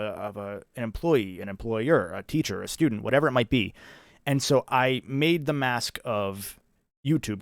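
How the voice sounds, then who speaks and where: A man with a fairly low voice talks casually as a livestream host. He has a practised on-air voice but feels his way through sentences, often doubling back. The sound is dry, with very little room echo. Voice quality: practised character speaking voice. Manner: deliberate, halting, self-correcting. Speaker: video creator hosting an anniversary livestream.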